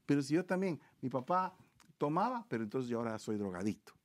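A man co-hosting a faith-based marriage talk in a preaching style. He moralizes earnestly and presses his points with rhetorical questions. His voice sits at an ordinary male pitch, recorded close and dry. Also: very animated, fast talker, dry recording.

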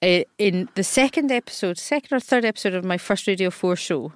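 A woman's voice: mid-range voice, a little fast, no room sound, studio quality. A woman comedian, telling self-deprecating stories in a casual podcast chat. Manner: chatty, self-deprecating, storytelling.

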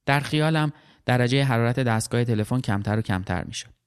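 Calm, measured male story narrator. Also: medium pitch, clear, resonant tone. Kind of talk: audiobook story reading.

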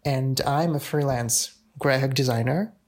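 A man in his early twenties co-hosts a casual podcast with a female friend, often laughing and complimenting her as they chat. He has a mid-range voice and an unhurried pace.

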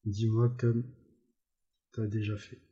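A man's voice: lowish voice, level tone, slow pace, dark tone, echoey room, muffled recording. Lennie, a man voicing a childlike farmhand. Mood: eager. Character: simple-minded hulking male farmhand, childlike.

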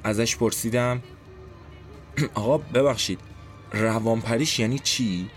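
A man reads a scripted first-person story in a steady, mid-pitched voice, speaking as a tense inner monologue. A loud dramatic music score runs under his narration the whole time. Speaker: narrator and reader.

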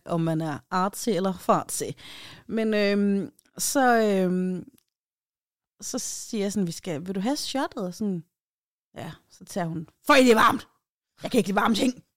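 An animated woman tells a story on a podcast and slips into other voices for the people she quotes. She sounds dry and close to the mic, with a middle pitch. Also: dry recording. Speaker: podcast co-host. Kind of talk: casual storytelling chat.

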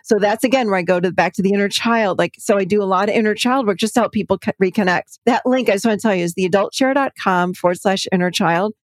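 A middle-aged woman therapist talking as a podcast guest, animated and acting out what clients say. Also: medium pitch, no room sound, clean studio sound. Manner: animated, acts out clients' quotes in livelier voices. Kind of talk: conversational interview.

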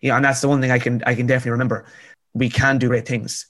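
A man's voice: mid-range voice, level tone, very fast, fairly bright tone. A man in his twenties with a rural Irish accent, telling his story in an earnest, emphatic conversational way, repeating phrases for effect. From County Cavan, rural Ireland. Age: 20s. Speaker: interview guest, author.

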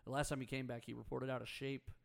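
With a flat, quick delivery and some vocal fry in his mid-range voice, this young Houston-area Texan runs a local sports radio show. He jokes around and trades loose, casual banter full of asides.

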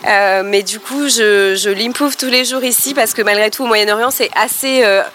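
A woman chatting as a guest, calm and composed, speaking in full sentences. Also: medium pitch, normal speed, slight background noise. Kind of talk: casual chat.

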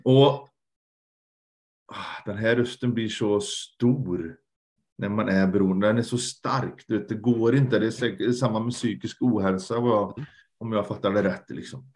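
Male guest, lower register, candid and reflective, halting delivery. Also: darkish tone. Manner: reflective, halting with restarts and fillers. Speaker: guest sharing his recovery story. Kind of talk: candid conversational storytelling.

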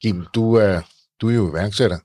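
A man's voice: on the low side, warm tone, no echo, clean studio sound. A male host interviewing a guest, often stumbling and repeating words as he asks encouraging questions. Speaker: podcast host. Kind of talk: interview conversation.

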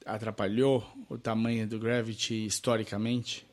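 Male co-host, congested from a cold, halting and self-correcting. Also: lowish voice, flat delivery. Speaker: podcast co-host. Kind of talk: casual film chat.

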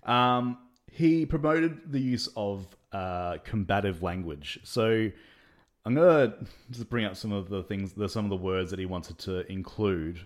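A man with a very low voice chats loosely on a podcast, full of fillers and stray chuckles. He rambles from point to point with a relaxed, unscripted feel. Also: measured pace. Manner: rambling, many fillers, laughs between points. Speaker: podcast co-host. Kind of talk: casual chat.

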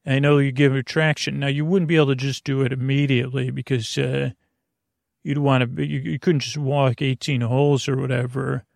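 Recorded dry with no room sound, as from a small closet at home, this bedtime sleep podcast host speaks in a creaky, gravelly voice full of fry at an average male pitch. His delivery is flat with a darkish tone. He rambles through a meandering monologue, halting, digressing, and repeatedly stopping mid-thought to start over.

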